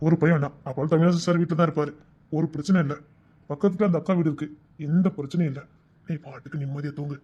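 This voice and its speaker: A man telling an audio story on his own, speaking in a gentle, intimate and reassuring way. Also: fairly high pitch, steady tone, fast talker, highs cut off. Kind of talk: one-man audio story, performing all the parts.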